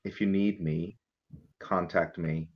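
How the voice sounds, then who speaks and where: A man voicing a wary male investigator in a tabletop game, speaking low and quietly in confidence. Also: fairly even intonation, takes it slowly, highs cut off. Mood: hushed.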